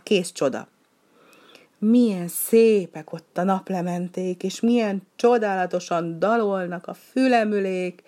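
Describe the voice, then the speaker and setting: A woman doing a high, whiny little storybook duck. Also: mellow, close to an everyday voice. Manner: complaining, pleading, flirtatious. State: sniffly with a cold. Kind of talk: storybook reading.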